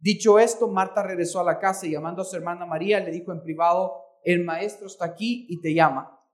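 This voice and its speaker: A man's voice: high voice, steady tone, fast talker. A man preaching a sermon, reading scripture aloud and then explaining it, sometimes correcting his own reading. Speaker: pastor. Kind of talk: bilingual sermon with interpreter.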